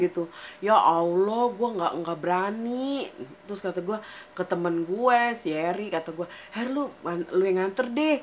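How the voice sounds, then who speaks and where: A woman's voice: medium pitch, a little hiss or hum. A young woman tells a personal ghost story in casual chat, acting out her friends' lines as she goes. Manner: chatty, acts out friends' lines. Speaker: horror story narrator.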